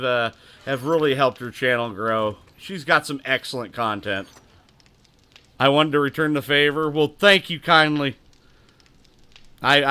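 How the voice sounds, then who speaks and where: A man's voice: fairly high pitch, pushed and bright, clean tone. A man hosting a casual gaming livestream, talking in a rowdy, crude way and thanking viewers by name. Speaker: livestream host.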